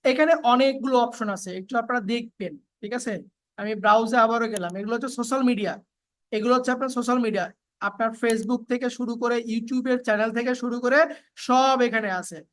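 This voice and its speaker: A woman giving a casual, step-by-step software tutorial, with frequent fillers and repeats. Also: fairly high pitch, fairly even intonation, quick pace. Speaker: video editing tutor. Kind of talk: screen-recorded software tutorial.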